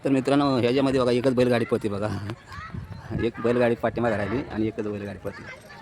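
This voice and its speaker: A man's voice: mid-range voice, fast. A man giving live commentary at an outdoor race, talking to viewers as friends and repeating "look" again and again. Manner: repeats "look" over and over, excited as carts pass. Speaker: vlogger commentating a bullock cart race. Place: outdoors at a rural bullock cart race. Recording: loud outdoor crowd and noise. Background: loud crowd and noise of a race.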